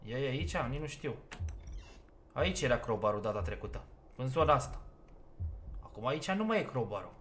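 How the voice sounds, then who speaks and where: A gaming YouTuber does let's play commentary on a horror game, talking himself through each step and getting exasperated easily. His voice is on the high side with a sharp tone.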